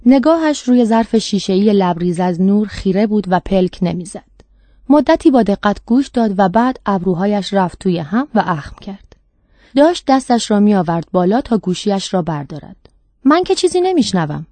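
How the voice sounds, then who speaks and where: A woman narrating a dark short story in a measured, steady reading. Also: medium pitch, no room sound. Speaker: audiobook narrator. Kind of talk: scripted narration.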